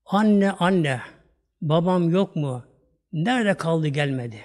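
A man's voice: fairly high pitch, lively intonation, slow pace, darkish tone. A man voicing a young fatherless boy who plaintively asks about his father and recites a mournful poem. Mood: sorrowful.

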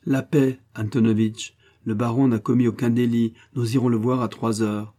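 A man's voice: mid-range voice, little pitch movement, normal speed, close to an everyday voice. A man voicing a haughty, hot-tempered Russian prince who gives orders and rages in a storybook reading. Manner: imperious, shouting in fury.

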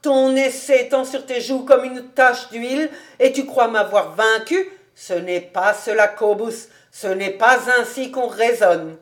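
A woman reading an audiobook, voicing an excitable, argumentative old village rabbi in a loud, indignant manner. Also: sits high, moderate pace, few pauses, voice pushed up, close to an everyday voice. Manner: loud, indignant, mocking laughter.

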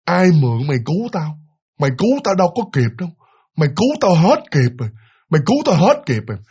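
Cold drowned ghost woman in a storytelling piece, voiced by a husky male narrator. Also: fairly high pitch, fast, exaggerated voice. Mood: cold menace. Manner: flat scolding repetition.

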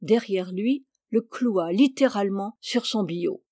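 Woman narrating a dark tale. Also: mid-range voice, measured pace, dry recording, clean studio sound. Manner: steady, dramatic storytelling. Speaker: reader. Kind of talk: literary audiobook narration.

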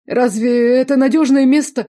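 A woman voicing a whiny, cowardly young nobleman from a fantasy audiobook, whining in shrill protests. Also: fairly even intonation, normal speed, mellow, close to an everyday voice.

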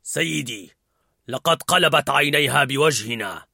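A man's voice: medium pitch, animated, moderate pace, bright, forceful tone, dry recording, studio quality, full character voice. Man doing a soldierly, reporting Fear. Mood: alert. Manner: crisp military reporting. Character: soldierly male emotion reporting to a commander.

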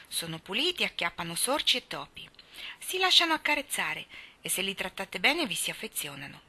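A modest, gentle little schoolgirl , as a woman reading aloud puts her on, reads her essay in a soft, sweet storybook voice. The tone is very bright and clear. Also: medium pitch.

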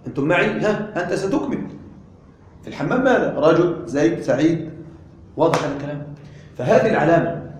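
A man with a fairly high voice gives a grammar lesson, his words ringing through a very echoey room. He talks in a lively, animated way and keeps turning to the class with questions to check that they follow. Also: brisk. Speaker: Arabic grammar teacher. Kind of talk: classroom lecture.

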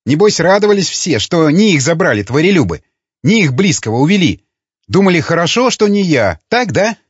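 A man's voice: a little high, sing-song, brisk, husky, no echo, voice pushed up. A man voicing a bitter young rebel. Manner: impassioned, accusing. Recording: dull lo-fi recording.

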